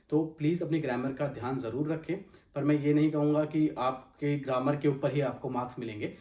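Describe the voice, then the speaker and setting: Fast-talking Indian man coaching, roomy echo. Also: medium pitch, recorded from a distance. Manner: steady instructive, lists points one after another. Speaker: channel host and exam coach. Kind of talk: explanatory lesson to camera.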